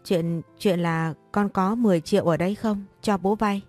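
A woman's voice: mid-range voice, steady tone, moderate pace, darkish tone, soft background music, natural voice. A woman voicing an ashamed older father who begs his daughter for money, speaking hesitantly and stammering. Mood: pleading, ashamed.

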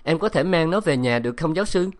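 Brief: a male reader playing a gentle, polite young woman, lighter pitch. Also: expressive, quick pace, lightly acted. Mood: pleading. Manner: gentle, respectful.

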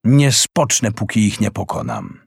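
A man's voice: fairly low pitch, wildly swooping pitch, measured pace, creaky, breathy edge, no room sound, clean studio sound, full character voice. A man voicing a brave young sailor in a storybook reading, speaking boldly and with determination. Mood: determined. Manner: bold, determined storybook dialogue.

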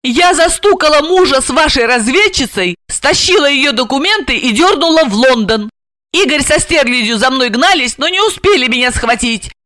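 A woman voicing a fiery young housewife heroine in an audiobook, loud, sarcastic and high-pitched. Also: animated, moderate pace, no room sound. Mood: confessing. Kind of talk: audiobook character voice.

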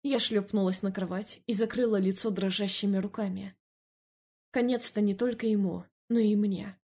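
A woman narrating a first-person novel in an even, measured reading voice. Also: medium pitch, slightly rough. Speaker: audiobook narrator.

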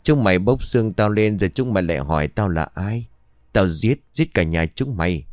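A man voicing a vengeful male ghost with a raspy, threatening voice in an audio ghost story. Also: deep voice, expressive, a little fast, no echo, clean studio sound. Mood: furious. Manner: threatening, shouting.

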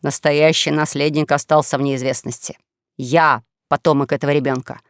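A man's voice: on the high side, flat delivery, moderate pace, no room sound, studio quality, voice pushed down, close to an everyday voice. A man voicing a young con-man who plays a wronged duke, mournful and grandiose. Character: young male con-man posing as a tragic duke, self-pitying.

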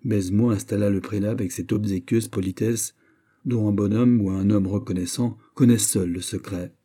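A man reads a classic novel aloud as an audiobook narrator, steady and unhurried. His voice is low, very dark and husky. The delivery stays even and storytelling-focused.

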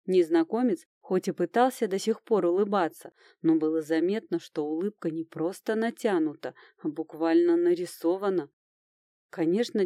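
Женщина размеренно читает аудиокнигу от первого лица. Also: female voice, lowish voice, dark tone, no room sound, clean studio sound. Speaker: audiobook narrator. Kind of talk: scripted narration of a fantasy novel.

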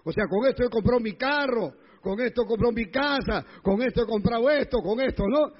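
A man's voice: very high-pitched, fairly quick, husky, big-room sound, lo-fi sound. A male pastor preaching a sermon, retelling scripture and acting out the crowds, often questioning his congregation.

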